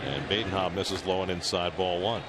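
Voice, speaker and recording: A man's voice: sits low, fairly quick. A man calling a baseball game live as the play-by-play announcer. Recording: loud stadium ambience behind. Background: outdoor ballpark noise.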